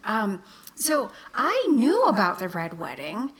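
A woman's voice: mid-range voice, wildly swooping pitch, slow pace, a bit bright, breathy edge. A chatty woman talking casually, laughing often and restarting her sentences. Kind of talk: casual chat.

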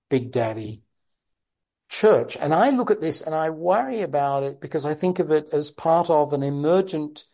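A woman interviewer talking in a measured, discursive intellectual way, with formal vocabulary and qualifying asides. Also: deep voice, creaky, mellow.

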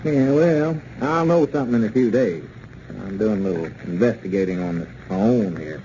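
Skeptical, mellow country storekeeper, played by a man. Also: on the low side, moderate pace, close to an everyday voice. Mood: doubtful. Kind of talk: old-time radio serial acting. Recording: dull, noisy old radio recording.

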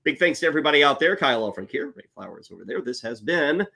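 A man co-hosting a casual sports talk show, chatty and animated, laughing often. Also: fairly high pitch, fast, gravelly, slightly rough. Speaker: podcast co-host.

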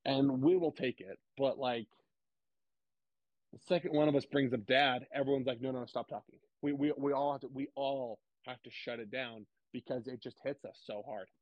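A young man speaking candidly as a podcast guest, halting and repeating words, emotional about his family. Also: mid-range voice, no room sound, lo-fi sound.

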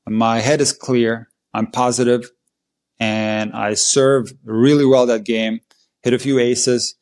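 A man, a tennis coach and podcast guest, tells a match story in an animated, emphatic way. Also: medium pitch, slow pace. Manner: animated, emphatic play-by-play retelling. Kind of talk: conversational storytelling.

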